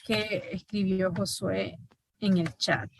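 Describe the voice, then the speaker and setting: A woman's voice: medium pitch, steady tone, slow pace, a little hiss or hum. A woman teaching an online linguistics class. She explains step by step and often checks with her students by asking "¿verdad?".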